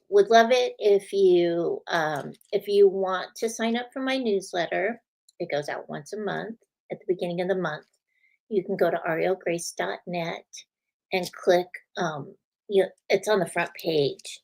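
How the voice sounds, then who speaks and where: Her voice fairly low and creaky, with a slight scratchiness tonight, a woman chats casually on the live stream of her spiritual show. She welcomes viewers by name and laughs frequently.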